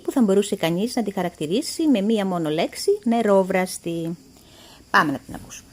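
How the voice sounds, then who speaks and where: Expressive woman reading a story. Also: mid-range voice. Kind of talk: read-aloud storytelling.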